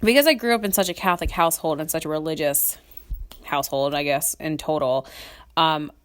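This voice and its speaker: Her voice is low-pitched and fairly quick: a young adult woman with a cold, sniffling as she hosts a casual solo podcast. Chatty and rambling, she scatters "um"s everywhere and keeps breaking into little laughs.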